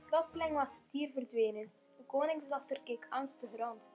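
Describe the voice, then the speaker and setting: A woman narrating a fairy tale in a steady, plain way for a school play. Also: high voice, normal speed, faint music behind.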